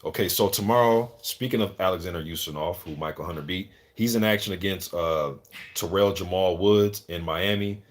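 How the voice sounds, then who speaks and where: This man speaks at normal speed in a low-pitched voice. Hosting a live boxing commentary stream, he chats loosely with his viewers, using slang and a bit of profanity.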